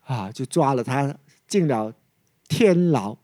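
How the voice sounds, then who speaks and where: A preacher telling a story during a sermon. The voice rises and falls in an animated way, with rhetorical questions put to the listeners. The sound is dry and close. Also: medium pitch, slow pace, no echo.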